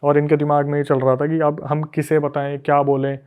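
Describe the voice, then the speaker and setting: On a casual podcast, a guest storyteller spins a spooky tale with lots of energy, acting out what each person said. His voice is a little high and a little fast, with a clean tone. The audio sounds narrow and tinny.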